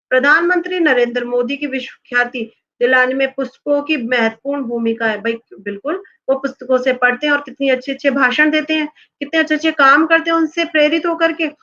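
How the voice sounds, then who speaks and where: A woman's voice: high-pitched, bright, forceful tone, lo-fi sound. A woman teacher explaining a lesson to children, often asking them rhetorical questions. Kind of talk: classroom lesson talk to children.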